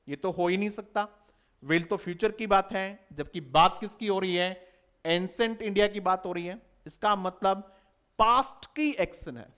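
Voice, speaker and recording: A man's voice: sits high, fairly bright tone, clean tone. A man giving an exam-prep English lecture, spelling words out and firing rhetorical questions at students. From India. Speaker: English teacher.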